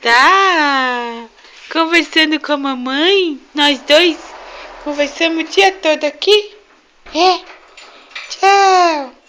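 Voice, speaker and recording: A mother cooing at her infant in a high, sing-song voice, asking playful little questions. She talks very slowly and tenderly. Soft phone hiss runs under a home recording. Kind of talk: baby talk to an infant. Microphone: phone held close.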